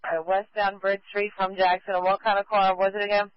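Police dispatcher: procedural, crisp delivery, repeats details back, muffled radio sound. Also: mid-range voice, flat delivery, fairly quick, dry recording. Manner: clipped, procedural. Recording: dull lo-fi police radio audio.

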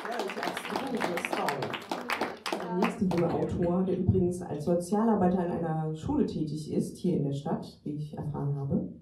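Woman hosting a reading, low and echoey. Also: normal speed, warm tone, slight background noise. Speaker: event host. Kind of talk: introducing readers at a live event. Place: reading venue with tables. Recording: echoey room from a distance.

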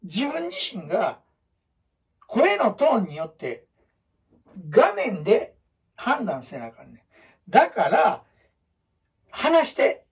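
Kansai man teaching storytelling, lively swooping delivery, husky voice, recorded from a distance. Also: slow, pauses often. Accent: Kansai (Osaka). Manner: animated, emphatic, shifts between loud bursts and low asides. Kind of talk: lecture to students.

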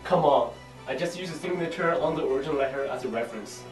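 Young man as brooding mob heir Hamlet, defiant, echoey house room, distant mic, loud music. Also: on the high side, fast, lightly acted. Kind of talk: amateur crime drama acting.

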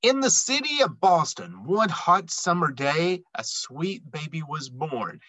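A storyteller reads children's picture books aloud in a bright, slightly high voice, very animated and emphatic. He uses dramatic phrasing and deliberate pauses, and the low-quality recording has no echo.

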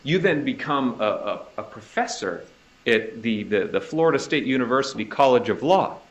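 A man's voice: mid-range voice, lively intonation, normal speed, muffled recording. A man with a Boston accent cross-examining a witness in a courtroom, pressing her with leading questions that end in "right?". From Northeastern US. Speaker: prosecutor.

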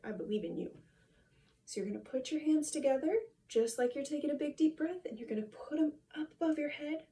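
A woman's voice: high voice, dark tone. A young woman teaching children's exercise in an encouraging, sing-song kids show host manner, recorded indoors from a few steps away. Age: young adult. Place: small apartment room, indoors. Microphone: phone camera a few steps away. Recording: distant mic in a home room.

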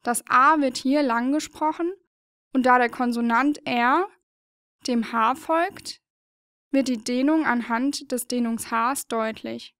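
Woman, educational voice-over, smooth and crisp, dry studio sound, patient. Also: on the high side, fairly even intonation, measured pace, a bit bright, no room sound. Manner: patient and explanatory, spells out letters one by one. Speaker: narrator of a learning video. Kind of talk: scripted educational narration.

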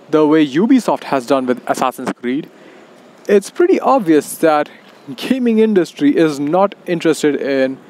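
A man's voice: on the high side, darkish tone. A man with an Indian accent recording a video game commentary voice-over outdoors on a rooftop. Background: wind and urban background noise.

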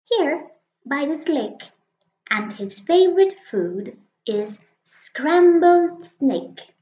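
A plucky little storybook mouse, voiced by a woman, high and unhurried. It is polite and cheeky, with a very lively melody. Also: exaggerated voice. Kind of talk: storybook reading. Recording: dull, lo-fi recording.

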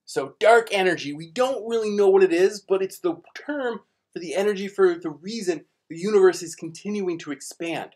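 A man's voice: sits high, moderate pace, a little mellow. A young man teaching a live online space class for kids at a whiteboard, chatty and playful, explaining big ideas with everyday examples. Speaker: science teacher.

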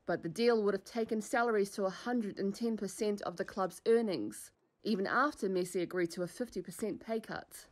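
A woman delivers scripted news narration as a reporter. Her voice sits at a middle pitch for a woman. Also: a little fast.

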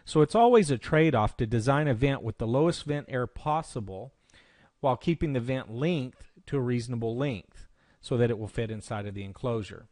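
With lively intonation and a slightly fast pace, a medium-pitched man narrates a screencast, leading the learner through the software step by step. The audio is dry, without room sound.

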